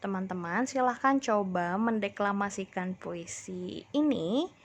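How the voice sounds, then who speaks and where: A woman's voice: medium pitch, animated. A woman teacher giving a recorded lesson to children, explaining patiently and speaking straight to the class. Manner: slow, patient explaining, addresses the class directly.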